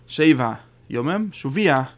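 A man's voice: mid-range voice, animated, takes it slowly. A man giving a religious study lecture as a Torah teacher. He halts often, repeats words and restarts phrases, and his voice jumps up when he stresses a point. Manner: sudden emphatic rises when stressing a point.

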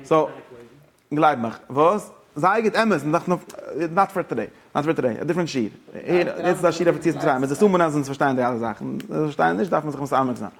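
A man teaching a Torah lesson, talking excitedly with stumbling restarts and English words mixed in. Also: a little high, fast talker, gravelly. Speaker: religious teacher.

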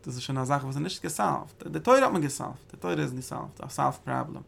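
A man teaching a religious text in a gravelly voice at an ordinary pitch. He talks in emphatic bursts, circling back to repeat and restart phrases as he explains. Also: expressive, fairly quick, fairly bright tone. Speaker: Torah teacher. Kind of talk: religious study lecture.

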